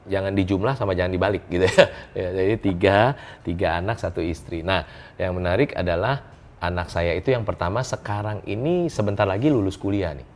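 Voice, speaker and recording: A man, a business coach telling personal stories in a casual interview, lively and joking, chuckling often and mixing in English words. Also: deep voice, a little fast. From Indonesia.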